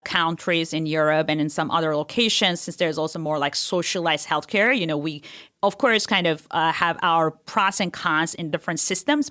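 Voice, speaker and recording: A low-pitched woman, earnest and steady, peppering her talk with "you know" and "kind of". The sound is dry and close, with no room around it. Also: no room sound. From Turkey. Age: 40s. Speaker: guest, company founder. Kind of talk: casual interview conversation.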